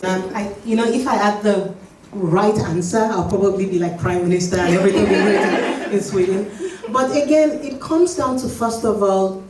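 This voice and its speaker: A woman author on a panel, answering an audience question in a reflective, emphatic way, slowing down to stress her points. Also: mid-range voice, steady tone. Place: event hall. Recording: echoey hall, distant mic, faint noise.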